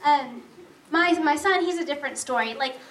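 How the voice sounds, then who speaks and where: A woman in her thirties doing a stand-up comedy set in a brash, sarcastic way with quick punchlines. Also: sits high, a bit bright. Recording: echoey room, far from mic.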